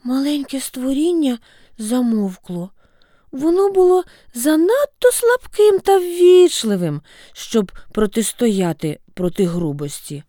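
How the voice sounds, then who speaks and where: A woman narrating a storybook tale in an expressive way, with sweeping pitch. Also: no room sound, studio quality. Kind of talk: storybook reading.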